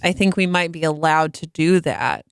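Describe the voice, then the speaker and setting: A woman's voice: sits low, normal speed, clear, resonant tone, no echo. A young woman co-hosting a podcast as a stand-up comedian, casual chat with a dry, teasing manner.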